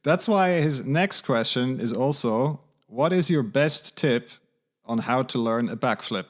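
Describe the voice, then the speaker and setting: A man's voice: medium pitch, lively intonation, a little slow. A middle-aged man hosting a podcast, asking questions in a friendly, hesitant way with lots of uhs. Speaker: podcast host. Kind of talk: casual interview.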